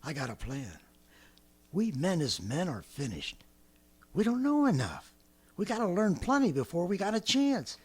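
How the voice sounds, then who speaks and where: A man's voice: sits high, wildly swooping pitch, normal speed, long pauses, husky, exaggerated voice. An actor playing a rambling, boastful former militiaman who laughs to himself as he lays out his survival plan, in 1930s radio drama style. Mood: scheming.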